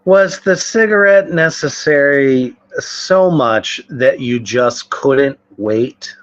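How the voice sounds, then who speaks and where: A woman's voice: very deep voice, lively intonation, slow, muffled recording. A woman co-hosting a live show, chatting casually and swearing freely. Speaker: co-host of a live variety show. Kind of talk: casual profane chat.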